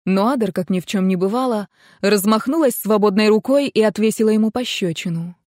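A woman narrates a romance novel in a steady, expressive voice. Her pitch sits in the middle, and the recording is dry and close with no room sound. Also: a little fast, no echo. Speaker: audiobook narrator. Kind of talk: scripted narration.

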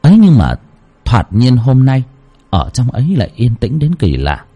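A man narrating a horror story dramatically, with sweeping swings in pitch. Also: huge pitch swings, moderate pace, mellow, slightly rough.

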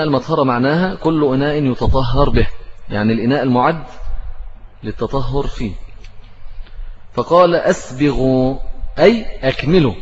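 An Egyptian religious teacher explains hadith in Egyptian Arabic, posing questions and then answering them himself. His voice is a little high and slightly rough, and the muffled recording carries a long hall reverb.

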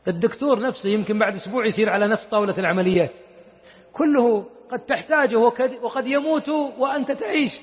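A man preaching a sermon with emotion, moving from hushed lines to loud exclamations. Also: very high-pitched, quick pace, husky. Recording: echoey hall over a tinny lo-fi recording.

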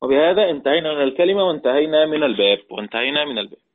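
A man with an Egyptian Arabic accent teaching Quran readings in class, quizzing his students and slowly chanting each reading. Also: on the high side. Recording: tinny phone-like recording.

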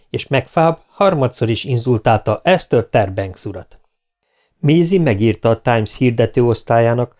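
Male narrator, animated, dry close sound, audiobook reading. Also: mid-range voice, dry recording.

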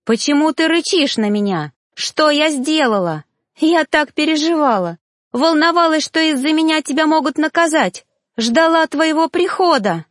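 A woman voicing an emotional young woman whose voice rises high as she pleads. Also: brisk, hardly any pauses, a little mellow, no room sound, clean studio sound, lightly acted. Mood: upset pleading.

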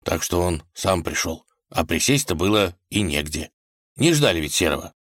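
Storyteller, man, deep voice, lively playful reading. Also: moderate pace, no room sound, studio quality. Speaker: narrator. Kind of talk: fairy-tale narration.

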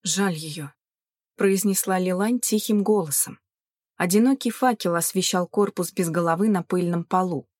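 Female audiobook narrator, calm and measured, dry close sound. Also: fairly low pitch, dry recording. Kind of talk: scripted narration.

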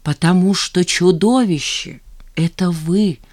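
A reader voicing an angry, sharp-tongued woman who shouts at an unwelcome guest in an audiobook. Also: mid-range voice, unhurried, lightly acted. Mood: probing. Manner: angry, raised voice.

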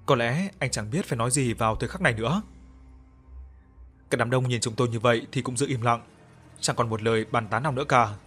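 A man narrating a story in the first person, with a somber, measured reading and acted dialogue. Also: medium pitch, a bit bright, husky, faint music behind.

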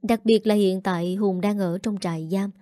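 A woman narrating a scripted audio story in a calm, steady manner. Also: mid-range voice, moderate pace, no room sound, clean studio sound.

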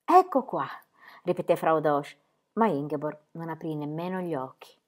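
Woman audiobook reader, low-pitched, measured and expressive narration. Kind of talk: reading a novel aloud.

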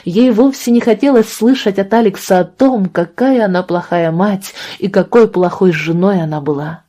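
A woman narrates a novel in an expressive but calm, measured manner. Her voice is warm and mellow, and her pace is even. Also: mid-range voice. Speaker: audiobook narrator.

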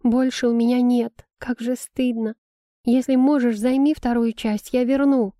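A wheedling young daughter pleads in a high, whiny, tearful voice, as a woman reader puts her on. Her tone stays mellow and warm in a dry, close audiobook sound. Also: fairly even intonation, unhurried, dry recording, natural voice. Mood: pleading.

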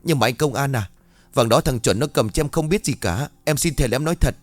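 A man's voice: medium pitch, fairly quick, no echo, voice pushed up, natural voice. A man voicing a frightened young village man who sobs and stammers as he begs not to be arrested. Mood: pleading. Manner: pleading, sobbing, stammering.

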